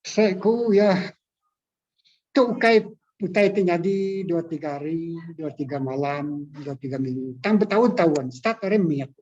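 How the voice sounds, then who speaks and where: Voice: mid-range voice, lively intonation, normal speed, a little mellow, muffled recording. A pastor, teaching a Bible class over a call, repeating key phrases and checking that listeners follow.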